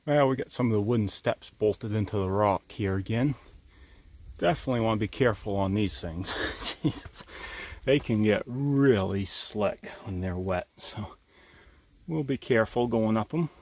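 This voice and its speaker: A man's voice: on the low side, moderate pace, a little mellow, poor audio. Laid-back older man vlogging a wet trail hike. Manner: laid-back, wry, chuckling to himself. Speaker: thru-hiker vlogger. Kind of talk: casual trail vlog. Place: outdoors on a wet mountain trail in the woods. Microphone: handheld camera at arm's length.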